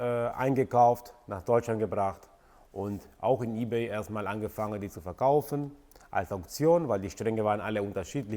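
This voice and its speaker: A man's voice: lowish voice, warm tone, in a large hall. A man in his forties from Argentina, speaking, answers viewer questions about his company with lots of fillers and restarts. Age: 40s. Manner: hesitant, many fillers and restarts. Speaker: company founder and channel host. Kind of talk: casual Q&A to camera.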